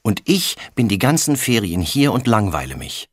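A man's voice: fairly low pitch, big pitch swings, moderate pace, breathy edge, no room sound, clean studio sound. A man voicing a chatty, eager little girl in a children's audiobook, rattling off plans breathlessly.

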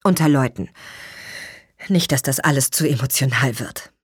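A reserved adult sister from an audiobook, read by a woman, speaking in a low, husky voice. She keeps everything matter-of-fact and restrained, with no room echo at all. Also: normal speed, clean studio sound, exaggerated voice. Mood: subdued. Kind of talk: audiobook reading.

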